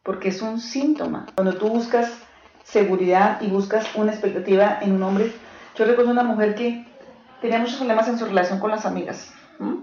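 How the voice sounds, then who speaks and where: A medium-pitched, slightly mellow female voice with fairly even intonation moves along fairly quickly. She gives an earnest, direct teaching talk to a small live group, using pastoral case stories and frequent check-ins with her listeners. Dull lo-fi audio with faint hiss picks up the echoey room.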